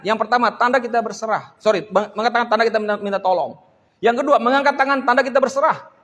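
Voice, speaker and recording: Pastor guy preaching, pretty high voice, asks the crowd stuff and cracks jokes, big hall reverb. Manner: animated, jokes and calls out to the congregation. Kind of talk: sermon. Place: church hall.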